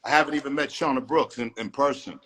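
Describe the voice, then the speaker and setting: A man's voice: medium pitch, fast, fairly bright tone, husky. A man being interviewed in a casual live video call, speaking emphatically and profanely, often repeating and restarting phrases. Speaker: interview guest.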